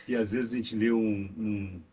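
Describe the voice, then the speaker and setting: A man's voice: lowish voice, steady tone, normal speed, darkish tone, husky. A Brazilian man co-hosting a podcast speaks devoutly and rambles, leaning on frequent fillers. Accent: Brazilian Portuguese. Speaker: podcast co-host. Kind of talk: devout casual conversation. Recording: distant mic with faint noise.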